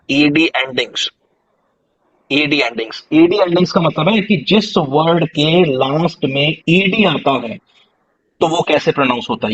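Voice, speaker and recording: A man with an Indian accent teaching a spoken English class online, slowly repeating phrases for his students. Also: on the high side, fairly bright tone, slightly rough, dry recording, dull audio. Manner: slow, drawn-out repetition of English phrases for students.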